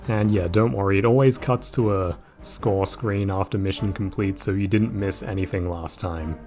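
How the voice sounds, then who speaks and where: A man casually commenting on his gameplay in a rambling, relaxed way, with lots of fillers. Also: deep voice, moderate pace. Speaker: let's play host. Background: game music.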